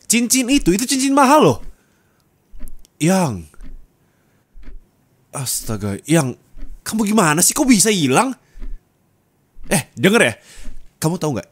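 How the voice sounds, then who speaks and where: A man acts as a young husband in an Indonesian ASMR roleplay addressed to the listener, recorded on a close studio microphone. His very animated, heavily acted voice sits on the high side and is slightly rough, and his intimate, colloquial tone turns from affectionate to angrily scolding his wife.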